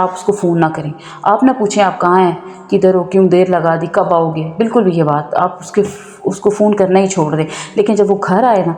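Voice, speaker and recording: A woman's voice: on the low side, warm tone. A woman vlogger telling a personal story and giving advice in a chatty way, often checking in with her listener. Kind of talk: casual storytelling and advice talk. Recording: echoey room with long reverb.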